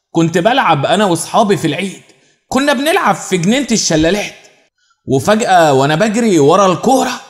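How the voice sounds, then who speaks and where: A man with an Egyptian accent narrating a first-person dramatic story in an expressive, animated way. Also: high-pitched. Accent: Egyptian Arabic.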